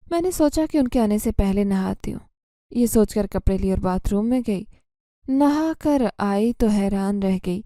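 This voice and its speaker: A woman reading a scripted first-person horror story in a soft, sorrowful manner. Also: medium pitch, dry recording, clean studio sound.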